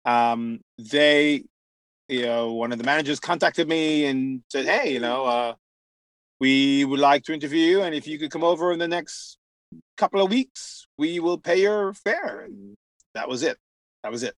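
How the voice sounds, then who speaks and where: A man's voice: on the high side, normal speed, no echo, low-quality recording. Upbeat man from Jamaica, dry close mic. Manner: animated storyteller with frequent laughs and fillers. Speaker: interview guest, author. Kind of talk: casual conversational interview.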